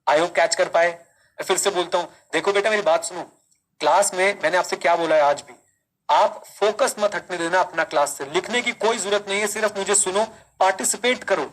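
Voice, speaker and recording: Slow, deliberate male teacher. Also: high-pitched, a bit bright, poor audio. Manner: slow, deliberate, repeats key lines and quizzes students; mixes Hindi and English, calls students kids. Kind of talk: live online exam-prep class.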